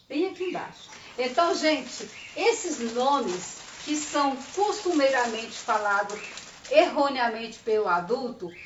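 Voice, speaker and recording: A woman with a Brazilian accent, a literacy teacher giving a chatty, expressive online lesson and acting out little dialogues. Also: high-pitched. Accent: Brazilian Portuguese. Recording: muffled, roomy, distant mic with faint hiss.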